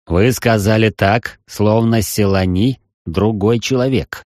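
A woman's voice: a bass voice, warm tone, no echo, studio quality, voice pushed down. A woman voicing a stern, cold tycoon man. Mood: stern, probing. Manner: slow, clipped, interrogating. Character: stern, imperious male gem tycoon, cold and suspicious.

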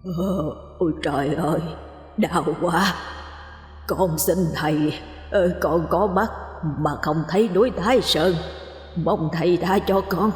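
A woman voicing a slow, echoing water demon. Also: lowish voice. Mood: pleading. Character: vicious male water demon, cruel then begging. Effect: heavy echo reverb. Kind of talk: storytelling. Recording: echoey long reverb, music bed.

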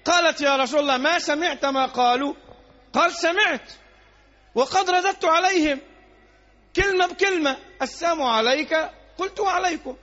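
A man with an Egyptian accent preaching a Friday sermon, emphatic, with repeated rhetorical questions and loud bursts. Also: very high voice, brisk. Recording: dull lo-fi recording.

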